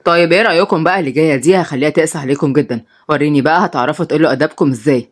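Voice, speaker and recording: A woman with an Egyptian accent voicing a stern, short-tempered widowed father who is a minister, in a gruff lowered tone. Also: racing.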